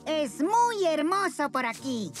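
A performer voicing a mischievous, cheeky male cartoon woodpecker in an animated dub, with exaggerated delivery. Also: high-pitched, slow pace, soft background music, full character voice. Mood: curious. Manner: exaggerated, stammers when flustered.

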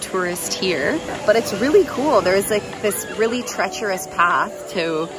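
A woman's voice: medium pitch, animated, measured pace, background noise. A young woman from Canada talking casually to her phone camera while traveling, upbeat and chatty, saying "like" often. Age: young adult. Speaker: travel vlogger. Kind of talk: casual vlog narration. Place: outdoors on beaches and streets, also indoors. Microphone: phone at arm's length.

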